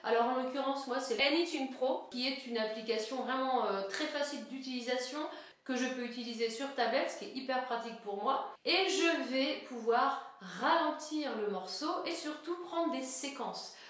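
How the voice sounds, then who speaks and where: A woman's voice: sits high, normal speed, fairly bright tone. A woman giving a singing lesson, explaining each step plainly and speaking straight to the viewer. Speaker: singing teacher. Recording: very echoey room.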